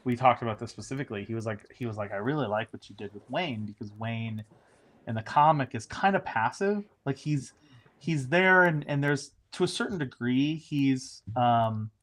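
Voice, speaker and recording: A man's voice: medium pitch, lively intonation, normal speed, a bit bright. A man, a showrunner, chatting casually in an interview, rambling with frequent restarts and fillers.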